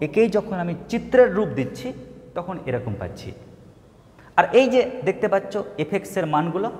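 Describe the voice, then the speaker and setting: A man's voice: high voice, darkish tone, reverberant, big-room sound. A man tutoring math, lecturing and often checking if students follow, repeating words for emphasis. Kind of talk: classroom lecture.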